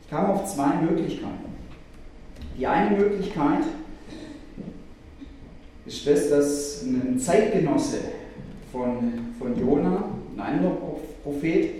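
A man preaching a sermon in a big echoing church hall, heard from some distance away from the mic. His voice sits a little high but sounds mellow and warm. He tells the story earnestly, with emphatic rises. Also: lively intonation, slow pace, long pauses, a little hiss or hum.

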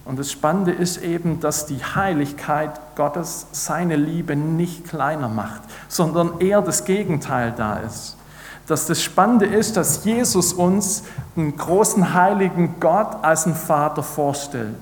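A man's voice: fairly high pitch, unhurried. Man preaching in an echoey hall. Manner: earnest, building to emphatic repeated declarations. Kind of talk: sermon. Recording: echoey hall with long reverb.

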